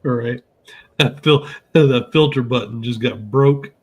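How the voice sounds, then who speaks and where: A man's voice: medium pitch, slow. A man in a casual podcast chat who adds short, laid-back remarks. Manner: laid-back, brief interjections.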